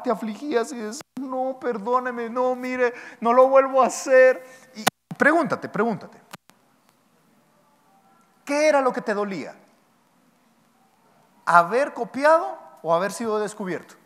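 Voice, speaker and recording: A pastor delivers a sermon in a high, bright-pitched voice that carries through a large hall with a long reverb. He is animated and playful, teasing his listeners with rhetorical questions between his points. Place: church hall.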